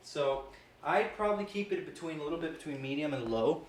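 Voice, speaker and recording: A host reviews guitar gear in a casual product demo, explaining things informally. His voice is a little high and expressive, and he talks a little fast. The recording has roomy echo and noticeable background noise.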